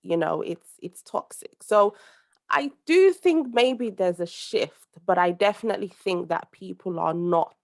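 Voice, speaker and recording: Animated yet measured, a young British woman with a creaky, mid-range voice joins a podcast over a call as a social commentator. Her earnest, conversational answers ramble, full of fillers and restarts.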